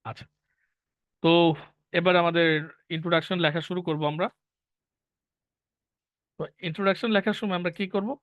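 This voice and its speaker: A man's voice: a little high, steady tone, moderate pace, pauses often, no echo. A man teaching an online language class, explaining step by step and asking his students questions. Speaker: English teacher. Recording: dull lo-fi online class audio.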